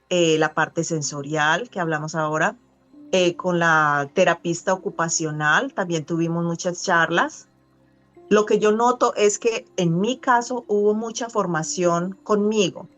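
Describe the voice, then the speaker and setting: A middle-aged woman speaking as an interview guest, earnest and reflective, pausing and restarting as she thinks. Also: lowish voice, soft background music. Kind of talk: conversational interview.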